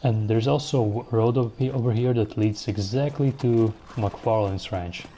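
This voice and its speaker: A man's voice: mid-range voice, moderate pace, a little hiss or hum. A man streaming a video game live, chatting casually and thinking aloud as he plays and answers viewers. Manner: relaxed, musing aloud while playing, answering chat. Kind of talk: casual gameplay commentary.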